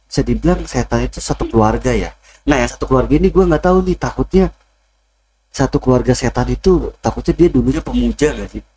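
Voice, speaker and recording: A young man co-hosting a reaction video, talking in a relaxed, agreeable way and thinking aloud. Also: medium pitch, quick pace, a little hiss or hum. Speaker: co-host. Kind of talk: casual reaction chat.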